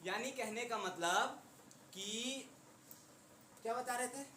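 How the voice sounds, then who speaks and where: A man's voice: very high-pitched, slow pace, sharp tone. A male teacher gives a chatty classroom lecture. He keeps quizzing his students with rhetorical questions. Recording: roomy classroom echo, faint noise.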